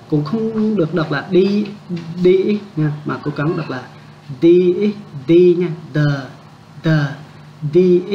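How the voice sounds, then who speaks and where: A man teaching a casual language lesson. He patiently repeats words slowly and keeps checking that listeners understand. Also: a little high, vocal fry. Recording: dull lo-fi with faint background noise.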